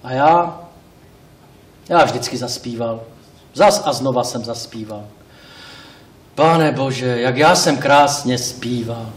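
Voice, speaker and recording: A man playing a talkative, wistful male pig who rambles, corrects himself, speaks straight to the audience and bursts into indignant shouts, on a theatre stage. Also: mid-range voice, long pauses, distant mic, close to an everyday voice. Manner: rambling, self-correcting, addresses the audience directly. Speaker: stage actor. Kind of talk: live stage monologue. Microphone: distant room mic. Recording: roomy live stage recording from afar.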